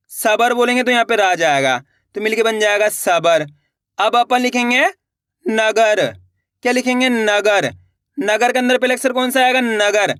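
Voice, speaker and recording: A man teaching children to write words, drilling each word slowly and repeating it back and forth. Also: high-pitched, sharp tone, smooth, no echo, studio quality. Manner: addresses viewers as friends. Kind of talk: children's Hindi writing lesson.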